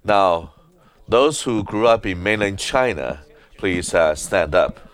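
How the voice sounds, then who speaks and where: A man preaching at a conference in a meeting hall, halting often with filler sounds as he speaks. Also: sits low, animated. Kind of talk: sermon.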